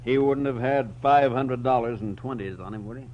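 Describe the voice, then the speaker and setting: A man's voice: mid-range voice, normal speed, slight background noise, close to an everyday voice. Actor as a guarded rich man, muffled old radio. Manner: terse, controlled, suspicious. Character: wealthy, guarded philandering man of business. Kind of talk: 1940s radio drama acting.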